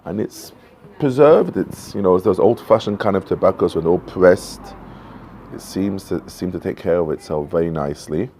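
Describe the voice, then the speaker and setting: At night on a covered outdoor porch, a man in his fifties who reviews pipe tobacco chats casually for his vlog. His warm voice sits low, and he muses unhurriedly, pausing often. The home-made outdoor recording is noisy.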